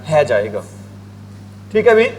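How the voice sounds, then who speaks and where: High-voiced Hindi-accented male teacher. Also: very animated, unhurried, darkish tone. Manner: asks the class questions and then answers them himself, repeating each point. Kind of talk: grammar lesson.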